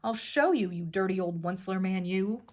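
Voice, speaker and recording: A woman voicing a small grumpy male forest creature with a croaky, coughing voice who scolds indignantly. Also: medium pitch, lively intonation, measured pace.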